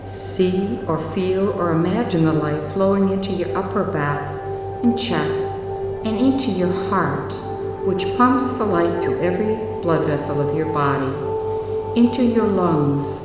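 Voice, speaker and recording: A woman narrating a guided relaxation meditation in a soothing, measured way with long pauses, recorded with heavy reverb. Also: fairly low pitch. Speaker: hypnotherapy guide. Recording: very echoey, long reverb, distant. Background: music.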